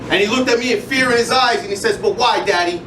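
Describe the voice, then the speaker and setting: A man's voice: very high voice, fast talker. A man performing spoken word poetry at a live showcase, intense and angry, swearing as he goes. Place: live venue stage. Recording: echoey room, distant mic, noisy crowd.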